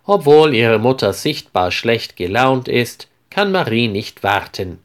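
A man reading a story aloud as narrator, in a clear, deliberate scripted style. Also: mid-range voice, sing-song.

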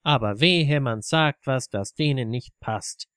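A man's voice: medium pitch, unhurried, fairly bright tone, smooth, no room sound, natural voice. A bitter, sarcastic man holds forth at his regulars' table, all heat and scorn. A man reads him out in a plain storybook voice. The sound is dry and close. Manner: sarcastic, worked up. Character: angry right-wing man at a pub table, sarcastic.

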